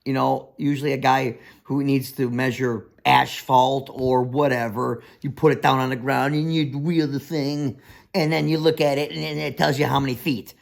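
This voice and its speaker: A man with a gravelly, creaky voice speaks at an ordinary pitch. He is a foundation contractor in a reality-show confessional, exasperated and ranting, and he acts out other people's voices as he tells his story. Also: level tone, moderate pace.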